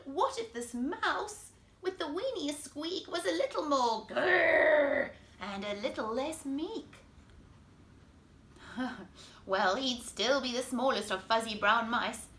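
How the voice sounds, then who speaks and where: A South African woman, speaking with a South African accent, reads a picture book to children with expression, talking directly to them. Her voice is high and fairly bright. She's indoors in a living room, and the recording is echoey with background noise.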